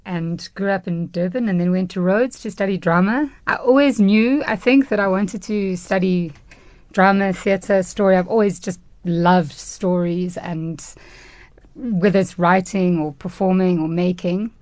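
A woman's voice: fairly low pitch, fairly even intonation, measured pace, a little mellow, dry recording. South African woman, dry close sound. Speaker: head of a theatre training space. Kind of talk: radio interview guest.

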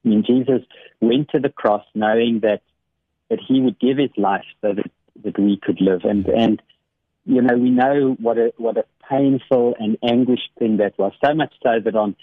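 A man's voice: mid-range voice, normal speed, dry recording. Earnest man telling a story over a phone line. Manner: earnest storyteller, many small restarts, laughs easily. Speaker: radio guest, academic devotional speaker. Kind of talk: warm conversational devotional reflection. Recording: dry, phone-like radio line.

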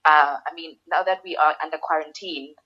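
A woman's voice: low-pitched, fairly even intonation, moderate pace. A woman answering interview questions conversationally as a podcast guest. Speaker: guest, social media manager. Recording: dull lo-fi remote call audio.

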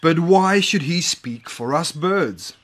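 A woman's voice: low-pitched, expressive, slow pace, heavily acted. A woman voicing a majestic, proud male fish eagle in a storybook reading, speaking in a grand, pompous manner.

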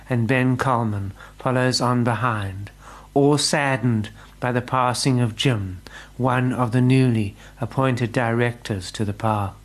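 A man presenting and reading a radio drama as its storyteller, in a steady, even delivery. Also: medium pitch. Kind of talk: scripted radio drama narration.

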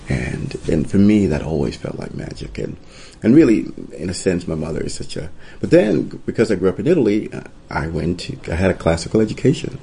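Deep gravelly man telling his story. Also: warm tone, slight background noise. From Costa Rica. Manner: thoughtful, storytelling, frequent restarts. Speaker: guest, entrepreneur and author. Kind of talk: reflective interview talk.

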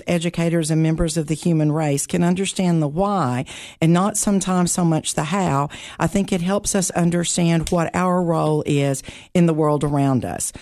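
A woman from Tennessee hosting a podcast and interviewing a guest in a chatty, expressive way. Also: fairly low pitch, no echo, clean studio sound. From Tennessee, United States. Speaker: podcast host. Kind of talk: conversational interview.

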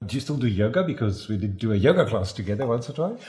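Male radio host, South African accent, mid pitch, very animated intonation, casual interviewing. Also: fast talker.

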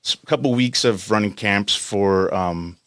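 This guest, a Californian company country head in his late thirties with an American accent, speaks casually during a studio interview at a measured pace. His voice is on the low side and a bit bright. The recording is dry.

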